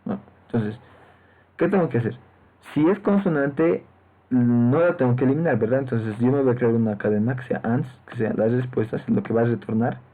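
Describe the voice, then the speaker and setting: A man's voice: mid-range voice, fairly quick. A man teaching programming in a step-by-step lecture, often checking in with his students through short tag questions. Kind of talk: screen-recorded lecture. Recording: tinny lo-fi phone-like mic.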